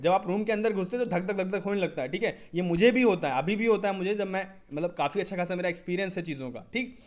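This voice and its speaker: A young man teaching candidates in a casual lesson on a basic microphone, saying "ठीक है?" after nearly every phrase and reading English headings slowly before he explains them. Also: high voice. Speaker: SSB coaching presenter.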